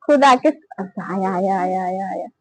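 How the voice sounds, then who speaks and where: A woman's voice: medium pitch, takes it slowly, darkish tone, soft background music, low-quality recording. A young woman, chatting casually to her phone camera at home for a family vlog. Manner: chatty, talks to her pet and family in between. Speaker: family vlogger.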